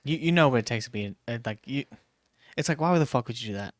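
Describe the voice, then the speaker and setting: A young man co-hosting a podcast, relaxed and agreeable, chiming in with short replies and laughs. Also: medium pitch, fast, dry recording, clean studio sound. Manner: laid-back, agreeable backchannels and laughs. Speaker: podcast co-host. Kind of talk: casual chat.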